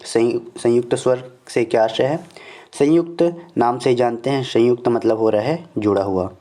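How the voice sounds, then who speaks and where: Male Hindi teacher, dark mellow voice. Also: mid-range voice. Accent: Chhattisgarh Hindi. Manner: explains step by step, often addressing viewers as "friends"; checks in with "okay" after each point, repeating definitions slowly. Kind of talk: slide-based grammar lesson.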